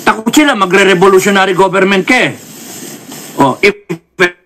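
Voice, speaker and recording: A Filipino-accented man talks politics in a high, bright voice with a forceful tone, moving fairly quickly. He lectures his listeners, mixes in English phrases, and apologizes repeatedly.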